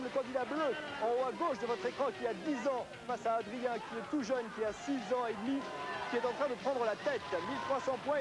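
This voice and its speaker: A man with a French accent hosting and giving excited live game commentary in a raised, urgent voice. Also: very high voice. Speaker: game show host commentating. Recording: music under the voice. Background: prominent music.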